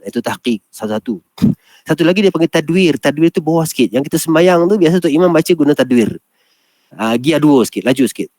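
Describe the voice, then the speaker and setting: A man's voice: a little high, expressive, a little mellow, dry recording. Patient Malaysian man teaching recitation, dry sound. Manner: patient, explains step by step, chants Arabic verses slowly. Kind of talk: classroom lesson on Quran recitation.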